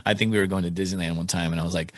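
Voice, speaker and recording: Low-voiced guy hosting a podcast, talks fast and chatty, dry sound. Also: fairly even intonation, no echo. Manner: quick and chatty, uses "like" a lot. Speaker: podcast host. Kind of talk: casual conversational interview.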